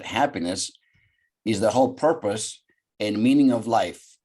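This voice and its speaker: An older man from Greece, a psychologist guest telling a story on a video call from his home office, in an animated, gesturing way. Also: on the low side, husky. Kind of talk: storytelling interview.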